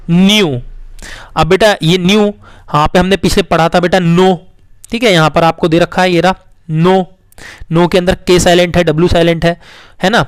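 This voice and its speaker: A male teacher patiently explaining spelling to young children, coaxing them along and repeating words slowly letter by letter. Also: a little high, smooth, dry recording. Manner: coaxing, addresses children as beta.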